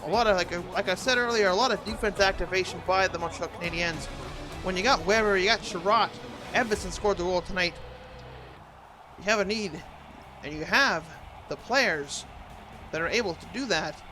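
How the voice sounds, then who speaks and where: A man's voice: high voice, moderate pace, long pauses, pushed and bright, soft background music. A man doing an impression of an earnest TV hockey play-by-play announcer, calling a video game in clipped present-tense phrases. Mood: analytical.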